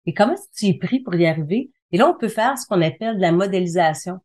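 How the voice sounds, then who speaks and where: Speaking fast and animatedly, this interview guest has a fairly low, darkish voice. She is a middle-aged communication consultant and trainer with a Quebec French accent, explaining things in a conversational way and repeating phrases to stress them.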